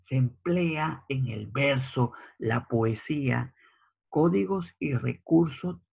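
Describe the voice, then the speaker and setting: A male teacher giving a slide lecture, slowly repeating key phrases and asking rhetorical checks. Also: mid-range voice, creaky, slightly rough. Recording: tinny phone-like audio.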